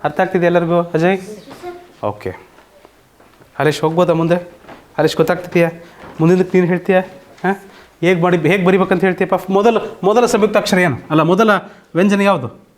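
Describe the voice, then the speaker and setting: A man with a Karnataka accent teaching a slow, patient online grammar lesson, often asking students whether they understand. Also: sits high, fairly even intonation. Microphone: computer mic on an online class call.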